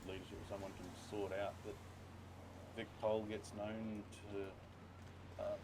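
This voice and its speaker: A man with a fairly low voice. He talks in a laid-back, slightly tentative way, like casual game chat. There is clear background noise on the voice channel. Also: level tone, measured pace. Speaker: player acting as a prison officer in an online roleplay.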